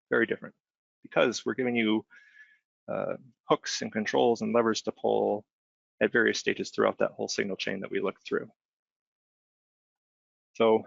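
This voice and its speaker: This webinar trainer, a man with a lowish, creaky voice, walks through software step by step in an informal, explanatory way, often tossing in tags like "right?" to check in. The recording is close, dry, dull and band-limited, with no room sound.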